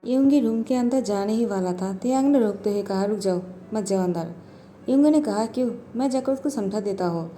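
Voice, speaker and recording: A woman's voice: on the high side, brisk, hardly any pauses, mellow, a little hiss or hum. A woman narrating a fan story and voicing every character herself with little change.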